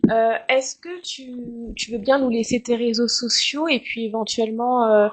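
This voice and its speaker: A woman hosting a casual interview, asking relaxed, soft-spoken questions. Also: on the high side, normal speed. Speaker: interview host.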